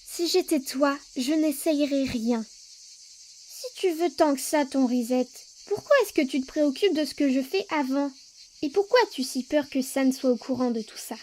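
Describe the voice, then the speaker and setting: A woman's voice: high-pitched, darkish tone, slight background noise. A woman voicing a determined human child in a fan dub of a game. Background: music.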